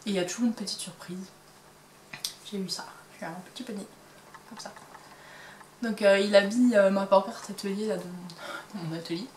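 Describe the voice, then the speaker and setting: A woman's voice: medium pitch, steady tone, normal speed, pauses often, darkish tone, reverberant. A woman talks casually about her crafts, hesitating often, in a mid-range voice. She sounds a little far from the mic in a resonant room, with a faint hum of ambience behind her. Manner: chatty, hesitant, many fillers. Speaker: crochet and knitting podcast host. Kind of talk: casual chat showing items to camera. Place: home craft workshop.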